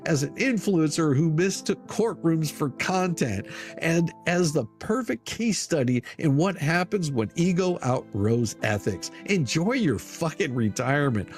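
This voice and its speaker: An online commentator gives an open letter a biting, over-the-top, profanity-laced reading that mocks it throughout. His fairly high voice is expressive and a little slow, with music underneath.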